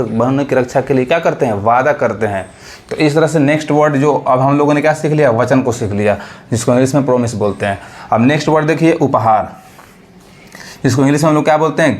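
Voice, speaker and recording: A man teaches English vocabulary. He keeps asking questions, answers them himself, repeats each word and reads the example sentences slowly. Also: mid-range voice, darkish tone. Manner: repeats words and translations. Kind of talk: classroom-style vocabulary lesson.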